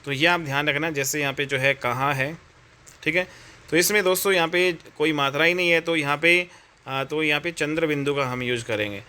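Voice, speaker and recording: A man's voice: on the high side, fairly quick, sharp tone, smooth. An Indian man teaching an exam-prep Hindi grammar lesson, chatty and repetitive, often calling his viewers friends and brother.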